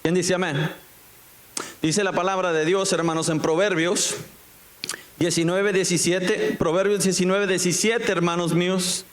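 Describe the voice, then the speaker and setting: A high-pitched man preaches in an echoey church sanctuary. He keeps calling out to the congregation for an amen, with plenty of halting fillers between phrases. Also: flat delivery. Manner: repeats call-and-response "who says amen", many fillers. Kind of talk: sermon.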